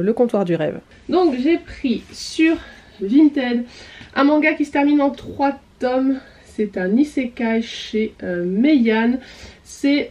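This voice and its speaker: A woman's voice: a little high, mellow. A woman vlogger chatting casually about her books, with many fillers and a voice she says she is losing. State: losing her voice, clearing throat. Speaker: book vlogger. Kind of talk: casual chat.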